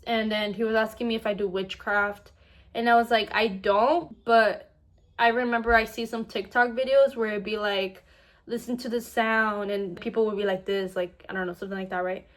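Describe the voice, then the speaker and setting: A woman's voice: medium pitch, steady tone, moderate pace. A young adult woman recording a casual storytime vlog. She retells events animatedly, acts out what others said, and uses "like" constantly. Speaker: vlogger.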